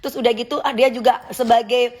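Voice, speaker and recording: A woman's voice: on the high side, steady tone, fast, a little mellow. A woman, hosting a phone livestream, reading comments aloud and teasing her critics in a sassy, confrontational way. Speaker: livestream host.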